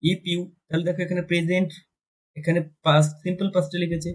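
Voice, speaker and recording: A man's voice: high-pitched, little pitch movement, rough recording. A man teaching an exam-prep grammar lesson, explaining step by step, asking and answering his own questions. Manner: switches between Bengali and slowly dictated English. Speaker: English teacher.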